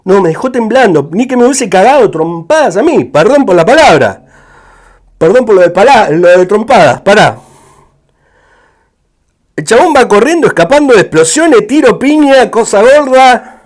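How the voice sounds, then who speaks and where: Excitable high-voiced Argentine man. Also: moderate pace. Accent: Argentine Spanish. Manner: excitable, repeating words in bursts. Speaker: YouTube music reactor. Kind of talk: music reaction commentary.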